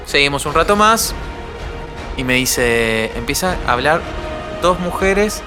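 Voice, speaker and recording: A young man with an Argentine Rioplatense accent, telling a personal anecdote on a podcast in an animated way. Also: fairly high pitch, unhurried, over music. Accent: Argentine Rioplatense Spanish. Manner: animated, acts out quoted voices with shouts. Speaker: guest storyteller.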